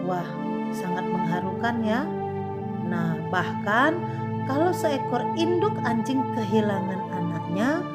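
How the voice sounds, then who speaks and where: A woman teaching a Sunday school lesson to children, gentle and coaxing, asking them questions and sighing with sympathy. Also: on the high side. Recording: echoey room with faint music.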